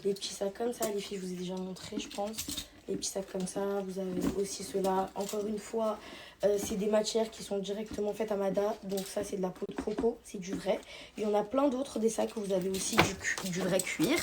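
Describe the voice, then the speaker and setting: A young woman from Réunion, chatty and excitable, talking casually to her viewers in a vlog. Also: medium pitch, a little fast, noisy background. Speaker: vlogger. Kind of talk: casual vlog chat to camera.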